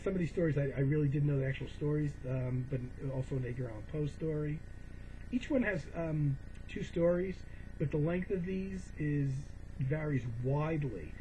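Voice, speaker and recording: A vlogger shows off his collection in a casual, rambling show-and-tell, meandering along hesitantly and often correcting himself. His voice is a little high and warm at normal speed, recorded in a dull lo-fi home setup with clear background noise.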